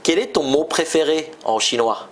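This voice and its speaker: A man hosting an interview, asking brisk and playful quick-fire questions. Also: on the high side. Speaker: interviewer, show host.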